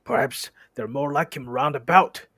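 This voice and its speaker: A man voicing a mean, suspicious male troll who sneers and quarrels loudly. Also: mid-range voice, normal speed, no echo, studio quality. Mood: menacing.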